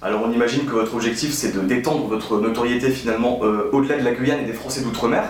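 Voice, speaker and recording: A man interviewing a business owner, asking structured questions at a brisk pace. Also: mid-range voice, a little hiss or hum. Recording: roomy and distant with faint background ambience.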